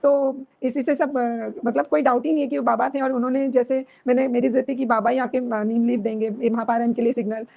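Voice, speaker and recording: A young woman recounts a personal experience in earnest, emotional testimony, sliding between languages mid-sentence. Her voice sits high with a gravelly, fry-tinged texture. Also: flat delivery, a little fast, few pauses, darkish tone, dull audio. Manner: mixes Hindi, Marathi and English mid-sentence. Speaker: devotee sharing a personal experience.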